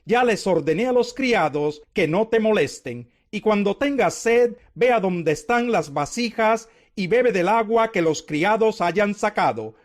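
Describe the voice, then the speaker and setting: A man voicing a kindly, authoritative landowner in a scripted scripture reading, solemn and measured. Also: sits high, animated. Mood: kindly instructing. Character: kindly, authoritative male landowner of biblical times.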